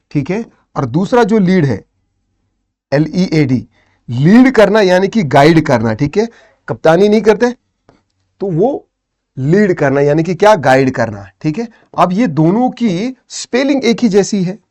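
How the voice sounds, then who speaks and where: A man with an Indian English accent teaching a lesson in a slightly higher voice. He goes step by step, repeats each term and keeps checking that his students follow. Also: a little mellow. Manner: explains step by step, repeats terms, many "theek hai" checks. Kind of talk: exam-prep lesson.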